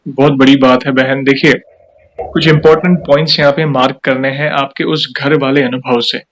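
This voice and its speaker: A man hosting an interview, who asks questions and then explains points in a calm, measured way. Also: mid-range voice, a little hiss or hum. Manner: calm, measured, with frequent affirming replies. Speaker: host interviewer. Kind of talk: interview and spiritual commentary.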